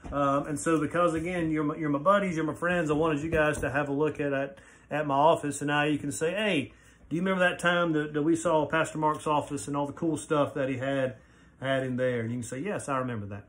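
A man's voice: a little high, steady tone, fairly quick, fairly bright tone. Friendly pastor man, rambling. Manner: friendly, rambling tour talk with fillers. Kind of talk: casual video devotion. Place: small wood-paneled office. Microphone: phone camera at arm's length.

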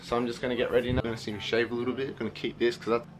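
A young man talking casually to camera as a vlogger, relaxed and rambling. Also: mid-range voice, rapid-fire, echoey room, rough recording. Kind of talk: casual vlog talk to camera.

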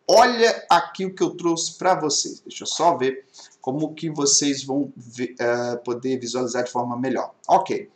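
A man's voice: mid-range voice, moderate pace. A man teaching an online English class, explaining with many rhetorical questions. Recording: echoey webinar audio.

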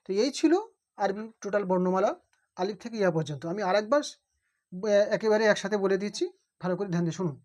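A woman's voice: medium pitch, fast talker, pauses often, darkish tone. A woman teaching Quran reading, patiently repeating each Arabic letter and explaining where it is formed in the mouth. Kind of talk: slow letter-by-letter Arabic pronunciation lesson.

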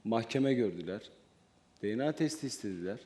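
A man speaking as a talk show guest, with a warm, mellow tone. His pitch moves a lot as he tells his account, hesitant at first and then emphatic. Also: lively intonation, brisk.

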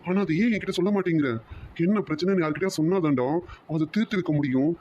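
A man's voice: sits high, fast talker, warm tone, a little hiss or hum, natural voice. A man voicing a worried young man who keeps pressing his friend with insistent questions, on a dull lo-fi cartoon recording.

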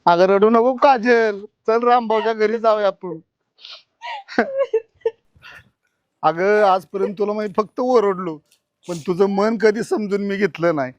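A man acting as a village father from a short drama, his voice sitting very high for a man. He talks emphatically, pleading and scolding by turns, and stands up fiercely for his daughter. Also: animated, a little slow, pauses often, no echo, dull audio. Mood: tender. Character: distraught rural father defending his daughter.

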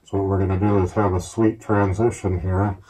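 Deep, flat-voiced man talking through a gas mask. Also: brisk. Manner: steady, informative, plain-spoken. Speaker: collector reviewing military gear. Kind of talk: casual show-and-tell explanation.

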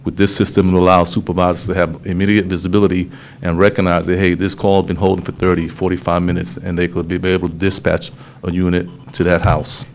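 Deep-voiced guy walking a council through a police plan, keeps restarting phrases. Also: level tone, fast, a little hiss or hum. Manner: explanatory, with frequent restarts. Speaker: police official presenting to city council. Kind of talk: public presentation at a town hall meeting.

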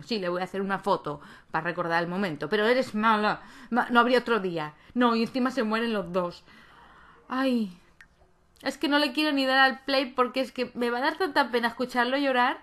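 A woman's voice: a little high, a bit bright. Chatty woman commenting a game. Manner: chatty, exclaiming and scolding the game. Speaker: gaming YouTuber.

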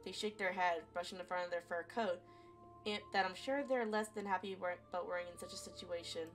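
A woman streamer reading a visual novel aloud as expressive story narration. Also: on the low side, a little fast. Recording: faint game music behind. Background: faint music.

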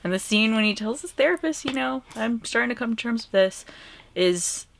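A woman co-hosting a casual film chat, chatty, saying "like" a lot and laughing softly. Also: on the high side, expressive, brisk, creaky, a little hiss or hum. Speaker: film show co-host.

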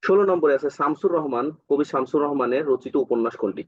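Male Bangladeshi exam tutor, husky, explanatory, dry lo-fi recording. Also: a little high, fast, no echo. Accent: Bangladeshi Bengali. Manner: explanatory, asks and answers his own questions, frequent fillers. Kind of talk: exam question walkthrough lesson. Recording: dull, dry lo-fi sound.

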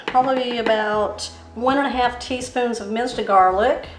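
A woman's voice: a little high, fairly even intonation, unhurried. A woman hosting a home cooking demonstration, talking step by step and savoring the food as she tastes it. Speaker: cooking channel host. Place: home kitchen. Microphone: camera framed on hands and countertop. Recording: roomy kitchen with faint music.

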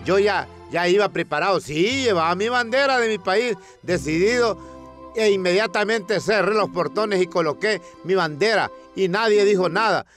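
Honduran male comic presenter, high voice, slangy storyteller who acts out chants, light music under him. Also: moderate pace, fairly bright tone. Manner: colloquial storytelling, acting out protest chants. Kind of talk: comic news monologue.

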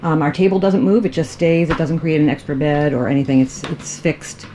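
A woman's voice: low voice, steady tone, a little fast, warm tone, a little hiss or hum. A woman giving a casual walkthrough of her sailboat, talking into a handheld camera and pointing things out with frequent ums. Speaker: boat owner giving a tour. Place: on and inside a sailboat at anchor, outdoors on deck then in the cabin.

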